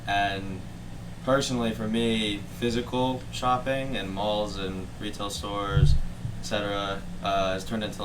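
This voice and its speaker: A man's voice: lowish voice, noisy background. Casual nineteen-year-old man, distant mic. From Florida, USA. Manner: casual, talkative, uses "like". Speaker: interview guest.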